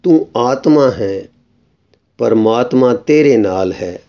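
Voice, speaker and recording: A serene, gentle holy man, read by a man, speaking in a slow, solemn, measured way. His voice sits mellow and warm at a middle pitch. The sound is a little dull and lo-fi. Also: lively intonation.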